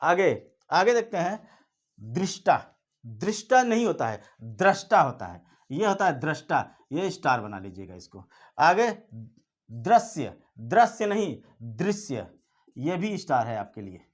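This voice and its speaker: A man's voice: on the high side, sing-song, unhurried. Guy teaching spelling for exams, says each word over and over, explains step by step. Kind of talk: exam-prep spelling lesson.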